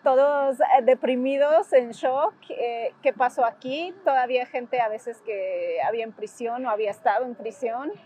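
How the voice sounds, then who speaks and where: A woman's voice: on the high side, normal speed, hardly any pauses, dark tone, a little hiss or hum. A woman in her forties with a Mexican accent, recalling past events in a documentary interview, reflective and emotional, often ending phrases with tag questions. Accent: Mexican Spanish. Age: 40s. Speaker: interviewee, former student activist.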